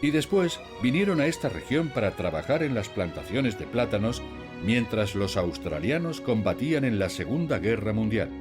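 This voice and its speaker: A man hosting and narrating a travel documentary in a calm, curious way, asking his guests questions. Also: on the low side, normal speed. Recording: voice with background music.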